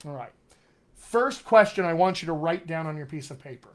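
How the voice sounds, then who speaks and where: A dialect coach hosts a laid-back live Q&A, upbeat and teacherly, and he's from Colorado, USA. He has a fairly high-pitched voice with lively intonation and a slightly quick delivery. His accent is General American, flecked with West Texas and upstate New York.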